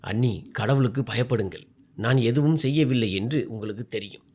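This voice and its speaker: A man's voice: medium pitch, moderate pace, a little mellow, breathy edge, pitched below the performer's own voice, lightly acted. A man voicing a poor young village wife who pleads tearfully about her innocence in a told story. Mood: pleading.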